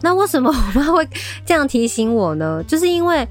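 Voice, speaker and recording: A woman's voice: high-pitched, fairly quick, faint music behind. A woman, co-hosting a casual talk show and telling stories with animation and frequent laughs. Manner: animated storytelling, often laughing. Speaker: podcast co-host. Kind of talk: casual chat.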